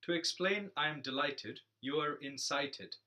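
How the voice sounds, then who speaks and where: A man's voice: a little high, unhurried, bright, forceful tone. A man reciting rhyming comic verse in a playful, sing-song way.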